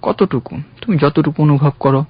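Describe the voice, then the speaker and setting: A young man calling in to a radio show, earnestly recounting his own love story in a halting, heartfelt way. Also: medium pitch, dry recording. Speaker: caller. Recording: dull, dry radio studio sound.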